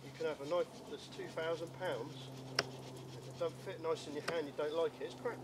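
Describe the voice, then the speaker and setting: A man's voice: on the high side, fairly even intonation, a little fast. A British man in casual, matter-of-fact conversation outdoors, talking like one bloke to another. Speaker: bushcraft companion. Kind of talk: casual chat. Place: outdoors among undergrowth. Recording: distant mic, clear background noise outdoors.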